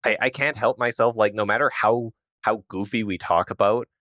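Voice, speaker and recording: A man with a low voice chats on a podcast in a relaxed, musing way and laughs easily. The sound is dry and close, with no room around it. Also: normal speed, dry recording. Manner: laid-back, musing, often laughing. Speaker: podcast co-host. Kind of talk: casual chat.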